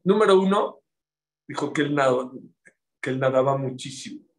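A middle-aged man giving a religious class, telling stories in an animated way and repeating words for emphasis. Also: medium pitch, normal speed, low-quality recording. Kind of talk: sermon with storytelling.

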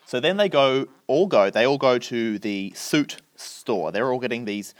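A man's voice: medium pitch, unhurried, smooth, no room sound. A man, chatting on a podcast and retelling a film plot, acting out the characters' lines. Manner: animated storyteller, acts out characters' lines.

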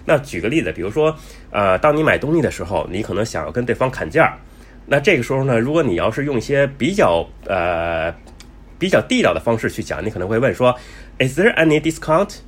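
A man's voice: fairly low pitch, sing-song, slightly rough. A man giving travel advice in a casual, explanatory way, with many fillers and restarts. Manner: says he talks fast. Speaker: travel vlogger.

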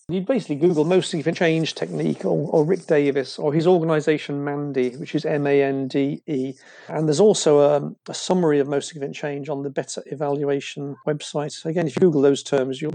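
Rambling, professorial man with a creaky, mellow voice. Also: fairly high pitch, no room sound. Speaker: interview guest working in community social care. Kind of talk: casual conversational explanation.

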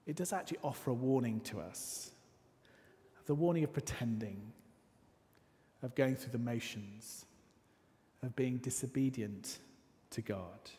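Man preaching in a reverberant church. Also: mid-range voice. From north of England. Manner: storytelling, with dramatic pauses and quiet, hushed asides. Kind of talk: sermon. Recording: church hall with long reverb.

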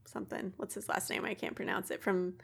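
A woman co-hosting a podcast, chatting casually and halting now and then to correct herself. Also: medium pitch, level tone, creaky, breathy edge. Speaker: podcast co-host. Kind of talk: casual chat.

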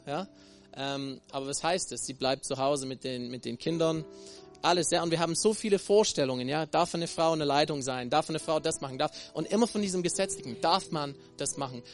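A man from Texas with an American accent preaching a sermon, halting often with fillers and restarts and ending many phrases with a tag question. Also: fairly high pitch. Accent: American English. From Texas, USA.

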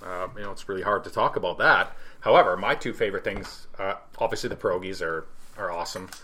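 A woman's voice: a bass voice, fast, pushed and bright. A woman co-hosting a casual food chat with dry, teasing humor. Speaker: podcast co-host.

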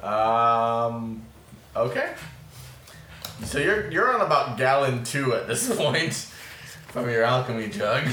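A man's voice: medium pitch, lively intonation, slow, long pauses, pushed and bright. A man narrating as game master of a tabletop game, loose and rambling, often laughing. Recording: echoey room, faint noise.

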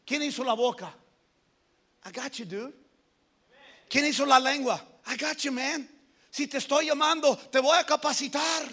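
A man voicing God as a relaxed friend who calms a nervous Moses, mixing in casual English. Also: very high voice, measured pace, pauses often, voice pushed up, exaggerated voice. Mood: reassuring. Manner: casual, calming, mixes English slang. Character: laid-back, reassuring God as a buddy.

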